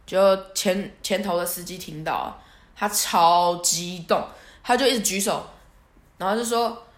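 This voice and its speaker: A woman's voice: on the low side, unhurried. Young woman, chatty storytelling, self-mocking, echoey room. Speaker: podcast host. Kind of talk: casual storytelling monologue.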